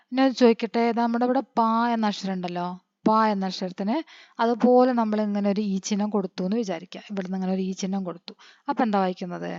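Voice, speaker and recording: A woman, teaching a patient lesson and spelling letters out slowly, quizzing her pupils as she goes. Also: mid-range voice, dark tone, dry recording. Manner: patient, asks the children questions and answers them. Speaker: Hindi teacher. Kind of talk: classroom-style lesson. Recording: dry, dull lo-fi recording.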